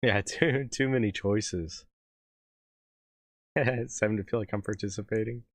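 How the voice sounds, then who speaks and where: A man's voice: lowish voice, slow, no room sound. A man who is losing his voice, hosting a music reaction live stream and chatting casually with viewers, rambling and laughing between thoughts. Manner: rambling, self-interrupting, laughs often.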